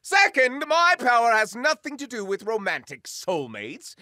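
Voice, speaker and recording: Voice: medium pitch, wildly swooping pitch, moderate pace, bright, forceful tone, dry recording, studio quality. A performer voicing a melodramatic, boastful young male wizard who swings from grand speeches to sobbing.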